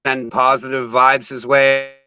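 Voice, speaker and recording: A man hosting a casual livestream chat, speaking haltingly with fillers, his words cut off mid-sentence by a choppy online connection. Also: mid-range voice, flat delivery, pushed and bright, faint music behind. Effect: choppy connection cutting out mid-sentence. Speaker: livestream host. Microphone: online call. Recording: muffled, dry online call audio.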